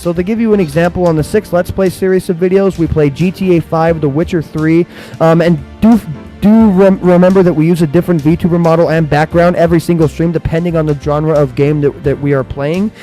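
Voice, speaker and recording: A man's voice: a little high, fairly quick, mellow, soft background music. A man who says w for r, giving a casual, rambling update to viewers as the streamer of a gaming channel. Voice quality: trouble pronouncing R sounds, says w for r. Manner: rambling and conversational, often checks in with "right?".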